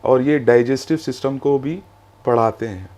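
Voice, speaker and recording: Business founder, man; explanatory storyteller, sprinkles English into his speech, steady mid-range voice. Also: medium pitch, normal speed. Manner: explanatory, storytelling, mixes English phrases into Hindi. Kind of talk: business interview.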